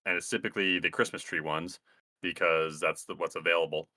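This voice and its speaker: A man with a very low voice and a bright, forceful edge, rambling and joking crudely in casual podcast chat. The sound is dry and close. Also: steady tone, a little fast, no echo. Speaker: podcast co-host.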